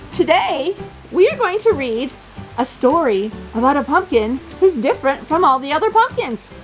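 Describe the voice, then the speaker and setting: A woman with a lively, high-pitched voice reads an animated picture book to young children, hosting a storytime. Her delivery is playful, sing-song and expressive, and she speaks to the kids directly. The audio quality is poor.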